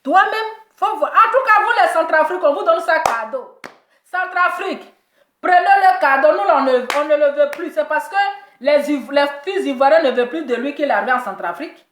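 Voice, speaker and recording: Woman, high voice, mocking gossip commentator, repeats punchlines, echoey room. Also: animated, normal speed, a little hiss or hum. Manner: teasing, repeats her punchlines, laughs often.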